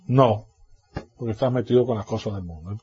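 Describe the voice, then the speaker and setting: A man's voice: fairly low pitch, a little fast, warm tone, highs cut off. A man preaching a sermon as a pastor, now and then mimicking the people he criticizes. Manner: preaching with mocking mimicry of others.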